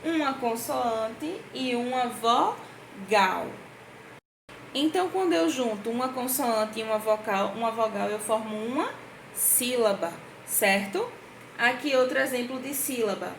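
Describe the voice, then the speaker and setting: A woman teaching young children in a review lesson, talking patiently in a sing-song way, stretching out words slowly and checking in with them often. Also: fairly high pitch. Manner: slow, drawn-out words when spelling out syllables. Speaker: primary school teacher. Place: indoor room at a board, writing with a marker. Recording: echoey room with faint background hiss.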